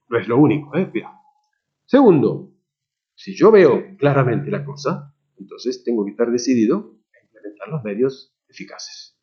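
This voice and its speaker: Priest, lively higher voice, informal lecturing with restarts, muffled lo-fi audio. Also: male voice. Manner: conversational, many restarts and tag questions, emphatic on key words. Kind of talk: spoken moral lecture to a congregation. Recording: dull lo-fi lecture recording.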